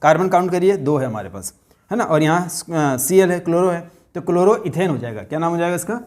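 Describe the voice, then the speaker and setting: A man's voice: a little high, animated, a little mellow. Male teacher quizzing students. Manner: asks the class questions and repeats key terms slowly. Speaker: chemistry teacher. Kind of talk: explaining a chemistry lesson to students.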